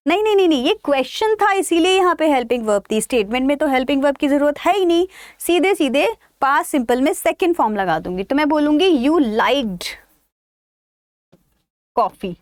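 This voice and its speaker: Indian woman teacher, high voice, quizzes the class then answers herself, dry close sound. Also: quick pace, dry recording. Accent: Indian English. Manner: lively, asks and answers her own questions. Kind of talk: online grammar lesson.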